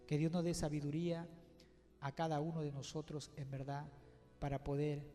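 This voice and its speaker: A man's voice: on the high side, flat delivery, moderate pace, warm tone. Preaching man in a reverberant church. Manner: preaching, rising to emphatic outbursts and quoting others in little acted voices. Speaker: pastor. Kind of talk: sermon. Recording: church hall reverb with background music.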